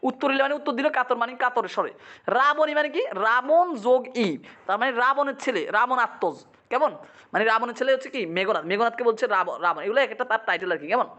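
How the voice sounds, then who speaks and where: A man's voice: very high-pitched, expressive, a little fast, bright, forceful tone, highs cut off. Male teacher explaining a poem. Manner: checks in with rhetorical questions, repeats meanings; dramatizes quoted lines, mixing in English. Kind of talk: poetry lesson, line-by-line explanation.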